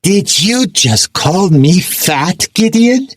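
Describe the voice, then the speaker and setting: A man's voice: sits high, big pitch swings, takes it slowly, no echo, clean studio sound, voice pushed up, exaggerated voice. A male narrator voicing a flirty, teasing woman who is a huge spectral werecat, speaking lines from an audiobook. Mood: mock indignant. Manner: teasing, flirty, mock-scolding. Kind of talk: audiobook character voice.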